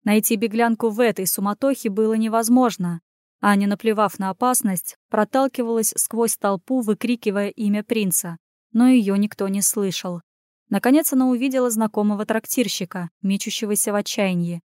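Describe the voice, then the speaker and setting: A woman reading a fantasy story aloud in brisk, even narration. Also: medium pitch, no room sound, clean studio sound. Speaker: audiobook narrator.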